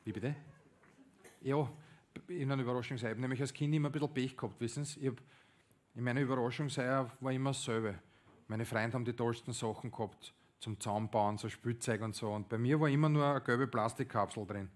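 Lively Austrian stand-up comedian. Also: male voice, medium pitch, fast talker. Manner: lively, animated storytelling with sudden bursts.

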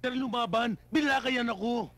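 A man playing an eager, bumbling male police officer in a slapstick comedy, loud and excitable. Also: extremely high pitch, moderate pace.

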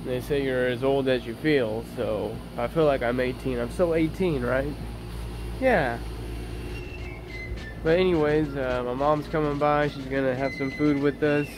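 Casting note: upbeat twenty-something man vlogging on his phone, rambly and filler-heavy, with clear background noise. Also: mid-range voice, fairly even intonation, a little slow. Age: 20s. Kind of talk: casual vlog chat. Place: outdoors beside a house, and a kitchen. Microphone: handheld phone camera at arm's length. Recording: noisy outdoor phone recording.

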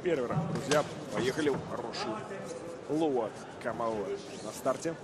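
A man's voice: mid-range voice, moderate pace. A man giving live sports commentary as the lead commentator on a fight. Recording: loud crowd and music behind. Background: noisy arena crowd and music.

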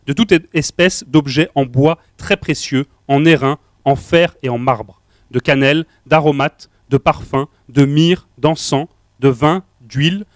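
A man reading a passage of scripture aloud in a steady, measured way. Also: on the high side, no echo, studio quality. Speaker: scripture reader.

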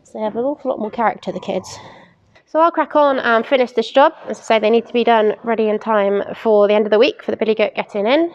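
A young woman with a fairly high voice talks through livestock chores in a practical, unhurried way, dropping in frequent ums as she works with her hands. She is recorded by a camera a few metres off, outdoors in a paddock and inside a large open farm barn. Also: highs cut off. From England. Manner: practical, explains while working, frequent "um". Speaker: livestock keeper. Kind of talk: casual farm demonstration.

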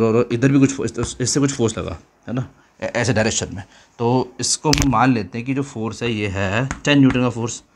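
A man teaching a basic physics lesson in a casual, chatty way, repeating points often and mixing English phrases into Hindi. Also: mid-range voice. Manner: chatty, repeats himself, mixes English phrases, calls viewers children.

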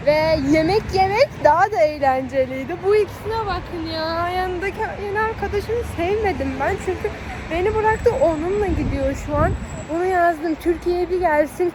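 A young woman vlogging on her phone outdoors and in a cafe, chatting casually and swinging between giddy teasing and low grumbling complaints. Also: noisy background. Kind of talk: casual vlog chat. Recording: loud background music. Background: music playing.

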